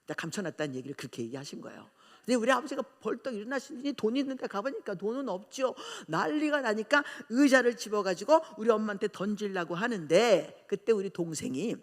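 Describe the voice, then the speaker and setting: A woman pastor from Korea preaches a revival sermon, telling her story with lively, sweeping shifts in her voice. She acts out the scenes as she goes. Her words echo for a long time around a large church hall. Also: mid-range voice, fast talker. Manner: animated storytelling, acting out family quarrels. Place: church sanctuary.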